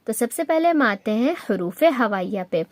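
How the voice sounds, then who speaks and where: A woman teaching Quran recitation rules patiently, step by step, slowing down to recite the example words. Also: fairly high pitch, lively intonation, no room sound. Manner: patient, explains step by step, mixes in English words. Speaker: tajweed teacher. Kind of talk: spoken Urdu lesson with slow recited examples.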